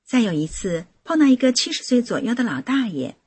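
A woman with a very husky, breathy voice reads a first-person account aloud, her pitch rising and falling in a lively way. The sound is close and dry with no room echo. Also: a little fast. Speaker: article reader. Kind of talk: scripted narration of a personal account.

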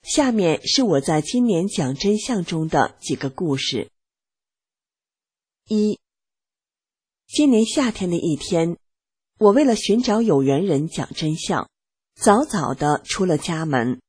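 Husky woman reading on radio. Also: on the low side, measured pace, pauses often, no room sound, studio quality. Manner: steady, earnest recitation. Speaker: radio reader. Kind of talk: scripted reading of a first-person testimony.

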